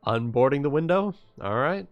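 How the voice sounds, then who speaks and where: A man acts as game master for a tabletop roleplaying game, narrating casually and thinking aloud in a halting way. His voice is medium-pitched, with no room sound.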